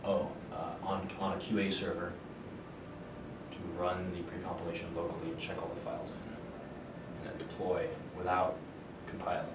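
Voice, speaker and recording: A man giving an informal technical explanation, halting and thinking aloud as he answers questions. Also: completely flat delivery. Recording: roomy, far microphone, noticeable low rumble.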